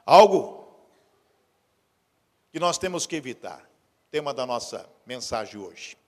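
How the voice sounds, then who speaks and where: A man preaching a sermon as pastor. He moves from quiet storytelling to loud, urgent exhortation. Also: mid-range voice, very animated, takes it slowly. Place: church. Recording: long hall reverb.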